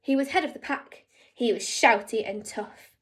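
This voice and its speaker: A woman teacher reading a rhyming picture book aloud, with an animated, rhythmic delivery. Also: on the high side, normal speed.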